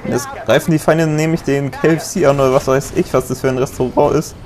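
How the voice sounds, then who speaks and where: A young man casually commenting on his gameplay, chatting, joking and yelling at the game now and then. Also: mid-range voice, steady tone, a little fast, a little hiss or hum. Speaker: let's play gamer.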